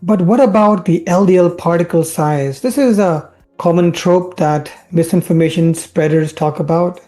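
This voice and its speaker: Faint music plays behind this family physician from India as he talks at a moderate pace in a mellow, medium-pitched voice. His health video explains research in a scripted, science-host way, full of rhetorical questions and emphatic key terms.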